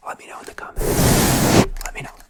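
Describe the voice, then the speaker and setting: The voice is a breathy whisper with no voiced tone, kept close to the microphone. It talks to viewers in a fast aggressive ASMR manner, casual and rambling, like an ASMR host chatting between triggers. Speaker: ASMR content creator, host. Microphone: close sensitive ASMR microphone.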